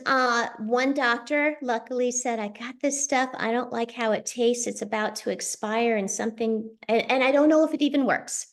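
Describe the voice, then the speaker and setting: A middle-aged woman telling a personal story in a casual way, acting out the voices of the people she quotes. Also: a little high. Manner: animated, acts out quoted voices. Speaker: speaker sharing a personal story.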